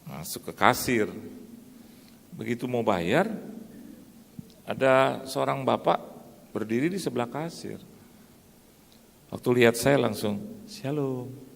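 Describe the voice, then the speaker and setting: A male pastor preaching a sermon, telling a story in a lively way and jumping up high in pitch to make his points. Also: slow pace, creaky, pauses often. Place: large church hall. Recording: long reverb of a church hall.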